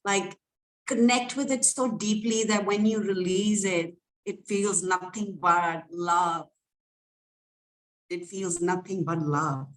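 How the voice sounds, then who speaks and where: A woman spiritual coach guiding listeners in a livestream, speaking softly and emotionally, at times teary, with flowing, repetitive phrasing. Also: lowish voice, fairly even intonation, slow, low-quality recording.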